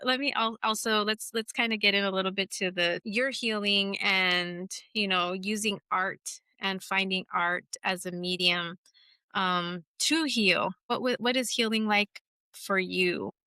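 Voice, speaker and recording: Bright-voiced frank woman podcast host. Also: medium pitch, fairly even intonation, a little slow, clear, resonant tone, dry recording. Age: 40s. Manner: frank and chatty, swears casually. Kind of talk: casual conversational interview.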